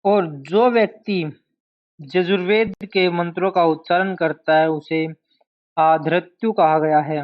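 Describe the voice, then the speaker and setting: Male teacher, fairly high voice, exam-prep lecture, drills key terms, dull lo-fi recording. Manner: slow, deliberate, repeats key terms to drill them. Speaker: history teacher. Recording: dull lo-fi sound.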